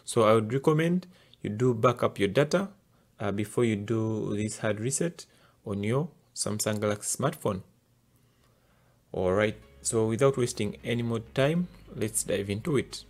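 A man's voice: fairly low pitch, moderate pace, faint music behind. A man hosting a tech tutorial, talking through steps plainly with many filler sounds, recorded at a desk indoors. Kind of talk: step-by-step tutorial narration. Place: desk indoors, hands-only camera.

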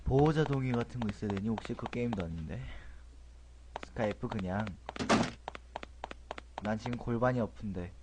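A man streaming a horror game with comic commentary, grumbling and shouting at the game and chatting with viewers, over loud game music. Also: on the low side, normal speed, long pauses, very noisy. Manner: excitable, yells and grumbles at the game, chats with viewers.

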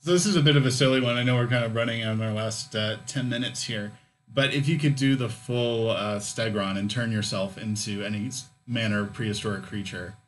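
A man hosting a podcast, asking questions in a relaxed, curious way. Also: lowish voice, a little fast, a little hiss or hum. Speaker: podcast host. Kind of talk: casual interview.

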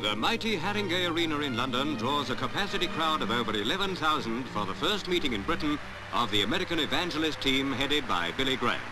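A man's voice: medium pitch, lively intonation, fast, loud music behind the voice, low-quality recording. A man narrating a 1950s newsreel in a formal announcer's delivery, played from an old newsreel.

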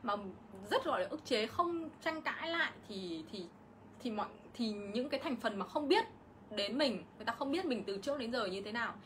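A woman's voice: a little high, lively intonation, brisk, fairly bright tone, a little hiss or hum. A middle-aged woman, ranting on a casual livestream vlog and hitting back at her critics with indignation. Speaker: vlogger.

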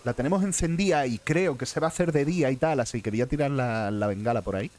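A man's voice: mid-range voice, fast talker, darkish tone. A man with a Spain Spanish accent giving live gameplay commentary as a streamer, muttering to himself and swearing often.

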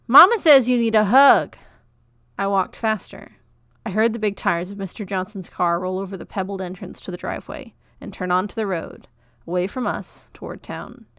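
A woman narrating a children's novel in a clear, expressive read-aloud. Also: medium pitch, normal speed, no echo, studio quality.

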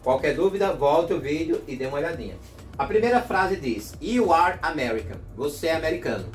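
Brazilian male teacher, slow deliberate drills, slightly raised pitch, echoey classroom. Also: expressive, faint music behind. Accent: Brazilian Portuguese. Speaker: English teacher. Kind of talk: classroom lesson. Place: classroom with a board.

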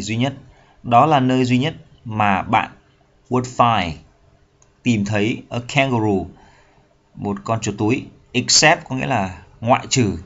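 A man teaching English vocabulary in Vietnamese, with a Vietnamese accent, reading English lines slowly and repeating words to drill pronunciation. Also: mid-range voice, a bit bright, muffled recording. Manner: reads English slowly then explains in Vietnamese. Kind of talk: bilingual vocabulary lesson.

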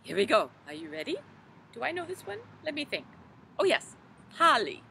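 A woman's voice: high-pitched, huge pitch swings, moderate pace, vocal fry, sharp tone, breathy edge, exaggerated voice. A woman playing a fussy, scatterbrained old Mother Goose, leading children's rhymes with flustered, fluttery exclamations. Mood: playful. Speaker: library storytime performer. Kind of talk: children's rhyme time in character.

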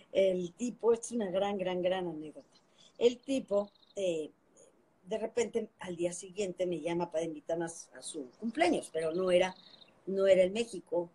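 A Mexican woman, around fifty, telling a lively anecdote on a phone live stream, laughing often and acting out the voices she quotes. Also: mid-range voice, slightly rough, rough recording.

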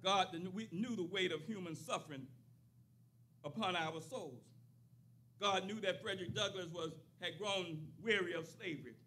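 Older male pastor, bright high voice, pulpit sermon with swelling repetition; faint room hiss. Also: normal speed. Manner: builds to rising, repeated preaching cadence. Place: church sanctuary, at a pulpit. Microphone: pulpit microphone on a stand.

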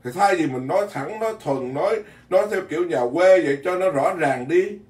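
Folksy monk preaching. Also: male voice, sits high, a little fast. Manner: folksy, blunt, animated, repeats words while searching. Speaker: Buddhist monk teacher. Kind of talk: dharma talk sermon. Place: temple hall in Virginia. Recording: echoey hall, mic at a distance.

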